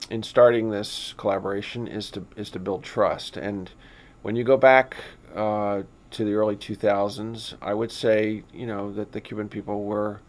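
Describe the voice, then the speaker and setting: A man explaining things casually as a guest scientist in an interview. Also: fairly low pitch.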